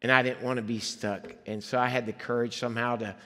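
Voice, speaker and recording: Speaking fast and flatly in a mid-range, fairly bright voice, a guest preacher who grew up in Liberia shares his personal testimony during a sermon. He stays earnest and conversational, with asides to the congregation, and the sanctuary gives a big-room sound.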